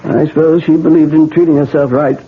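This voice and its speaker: A husky wry doctor. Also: male voice, a little high, fairly quick. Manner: calm, wry, matter-of-fact. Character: dry, wry male hospital doctor. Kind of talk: 1970s radio drama acting. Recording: tinny old radio broadcast.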